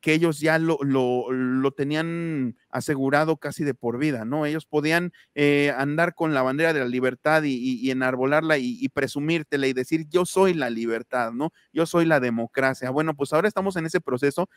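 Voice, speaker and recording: A man with a Mexican accent giving political commentary on a panel show, speaking in a halting way with frequent restarts and repeated words. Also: fairly high pitch, fairly even intonation, smooth, no echo, studio quality. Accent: Mexican Spanish.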